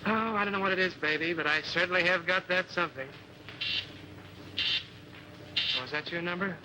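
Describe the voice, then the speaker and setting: A man's voice: high voice, quick pace, lightly acted. An actor playing a cocky, slangy ladies' man in 1930s Hollywood film style. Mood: flirtatious. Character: brash, smooth-talking wisecracking ladies' man. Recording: noisy old film soundtrack.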